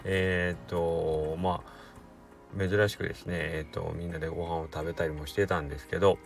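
A man's voice: low-pitched, flat delivery, normal speed, vocal fry, faint music behind. A middle-aged man hosting a solo podcast, rambling casually about everyday things. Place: inside a car.

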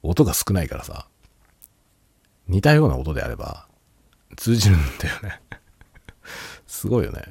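A man's voice: low-pitched, wildly swooping pitch, normal speed, vocal fry, long pauses, a little mellow, husky, no room sound. A man hosting a casual solo talk show, rambling and laughing a lot while tipsy. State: drunk. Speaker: podcast host.

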